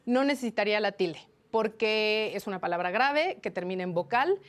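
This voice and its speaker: A woman journalist from Mexico answering interview questions, explaining spelling rules in a lively, teaching way with many fillers. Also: medium pitch, normal speed. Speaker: journalist guest.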